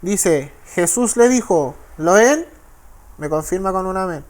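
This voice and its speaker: A man with a Chilean Spanish accent, a pastor teaching the Bible in a sermon. He reads verses slowly and keeps checking with listeners. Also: sits high, expressive. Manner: frequent tag questions, slow deliberate verse reading.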